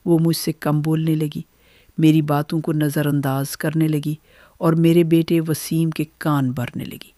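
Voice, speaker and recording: An older woman telling her own family story in the first person, in a measured, gentle way. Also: sits low, little pitch movement, dry recording, studio quality.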